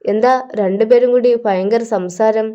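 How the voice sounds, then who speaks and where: A woman's voice: fairly high pitch, fairly even intonation, measured pace, dark tone, dull audio, natural voice. A woman voicing a frightened, desperate young woman in a storybook crime tale, anxious and pleading.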